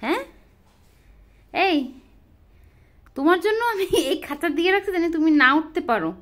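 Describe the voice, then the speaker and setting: A woman's voice: very high voice, big pitch swings, moderate pace, a bit bright. A woman talking to her pet rabbit at home in a casual vlog, half scolding and half teasing it in playful baby talk. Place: home bedroom.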